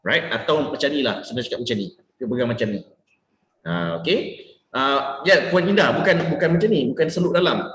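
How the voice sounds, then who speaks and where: A man coaching a live question-and-answer session. He talks in an animated, demonstrative way and switches between Malay and English. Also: mid-range voice, brisk, reverberant. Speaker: business sales coach.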